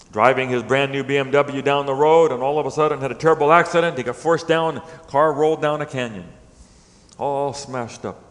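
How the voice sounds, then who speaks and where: A middle-aged man preaching a sermon in a church, swinging between loud emphatic peaks and hushed low lines. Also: in a large hall. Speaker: pastor. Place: church sanctuary.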